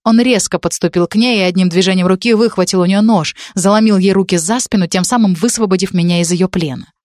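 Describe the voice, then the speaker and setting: A woman reading a first-person story aloud as narrator, in steady storytelling. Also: mid-range voice, fast talker, dry recording, clean studio sound.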